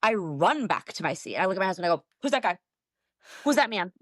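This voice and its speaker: Woman, casual storyteller, lively swooping pitch, dry close sound, laughs often. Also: fast talker, dry recording. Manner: chatty, laughs often, acts out quotes. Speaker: guest, Steelers fan.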